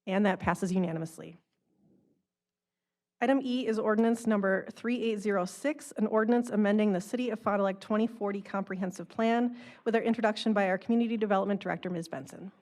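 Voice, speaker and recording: A woman chairing a city council meeting, calling motions and votes in a brisk procedural way. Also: medium pitch, darkish tone. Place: council chamber.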